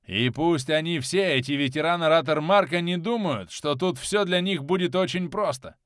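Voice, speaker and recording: A man reading a boastful, territorial male clan leader in an audiobook, slow and emphatic. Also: a little high, fairly bright tone, dry recording, clean studio sound, pitched above the performer's own voice, close to an everyday voice.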